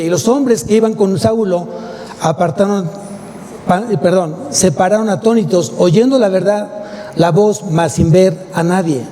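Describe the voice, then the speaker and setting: A man's voice: high voice, mellow. A man with a Mexican Spanish accent preaching a sermon, speaking emphatically and putting rhetorical questions to his congregation. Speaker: pastor. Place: church sanctuary. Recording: long church hall reverb, faint noise.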